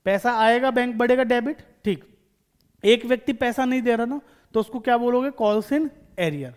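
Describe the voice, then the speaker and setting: A man's voice: very high-pitched, steady tone, brisk, clean tone. A man teaching accountancy in a lecture, explaining each step and asking and answering his own questions to the students. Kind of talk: classroom lecture.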